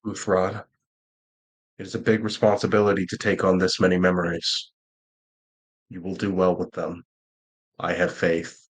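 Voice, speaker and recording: A man's voice: deep voice, monotone, husky, pitched below the performer's own voice. A man voicing an ancient, weary dragon mother. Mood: solemn. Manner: grave, slow, mournful. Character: ancient weary female dragon guardian, solemn.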